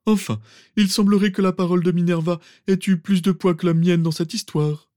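A man voicing a pompous, sentimental old male wizard professor, with theatrical, drawn-out exclamations. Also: high-pitched, fairly even intonation, dark tone, no room sound, clean studio sound, natural voice. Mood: fussing. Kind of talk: fan audiobook reading.

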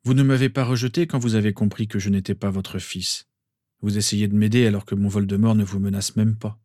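A man's voice: lowish voice, fairly even intonation, brisk, warm tone, no echo, clean studio sound, close to an everyday voice. Guy doing a guilty angry teen boy, tense, bitter. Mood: tired.

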